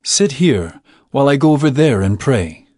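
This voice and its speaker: An actor playing Jesus as a grave, compassionate teacher in a dramatized scripture reading, solemn and earnest. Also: male voice, medium pitch, very animated, normal speed, a little mellow, dry recording, studio quality. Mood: sorrowful. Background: music.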